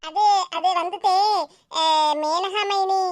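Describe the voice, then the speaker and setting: A woman's voice: very high voice, steady tone, takes it slowly, a little hiss or hum. A woman voicing a polite, apologetic young woman who speaks hesitantly, with a Tirunelveli Tamil accent.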